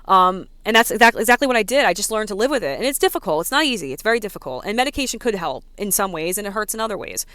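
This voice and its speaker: A woman in her thirties with a New York accent, ranting casually to her vlog audience, talking fast and packing her speech with "like" and "you know.". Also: medium pitch, big pitch swings, fairly bright tone, clean tone, no echo. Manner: fast, filler-heavy talk with many "like"s and "you know"s. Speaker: vlogger. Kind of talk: casual rant to camera.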